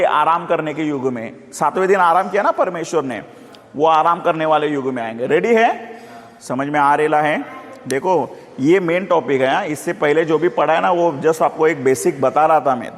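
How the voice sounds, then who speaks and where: Jokey preacher with a Mumbai Hindi accent. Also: male voice, fairly high pitch. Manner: chatty, jokey, calls for congregation responses. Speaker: Bible teacher. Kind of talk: sermon teaching. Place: church hall with congregation. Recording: reverberant hall.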